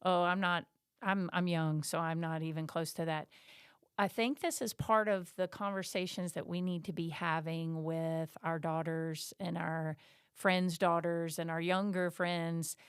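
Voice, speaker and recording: Woman, middle-aged, smooth voice, slightly low, dry close sound, chatty podcast co-host. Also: fairly even intonation, a little slow, no room sound. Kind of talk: casual podcast chat.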